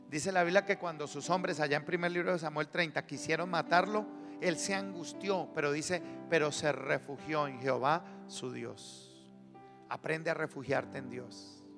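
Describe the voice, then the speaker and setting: A man preaching an emphatic sermon as pastor, calling on the congregation to answer. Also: on the high side. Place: church hall. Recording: live church sermon in reverberant hall with music.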